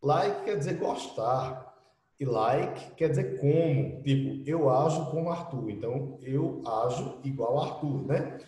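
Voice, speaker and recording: A man's voice: mid-range voice, a little slow. A man teaching an English class in casual Portuguese, acting out slang greetings and imitating how people talk. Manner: lively, acts out slang phrases and imitates people. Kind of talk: online class lesson. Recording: echoey room with long reverb.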